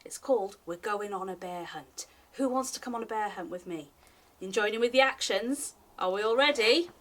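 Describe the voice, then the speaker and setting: A woman with a mid-range voice reads a children's picture book aloud at a moderate pace. As a library storytime reader, she uses an expressive, singsong delivery and speaks directly to her young listeners.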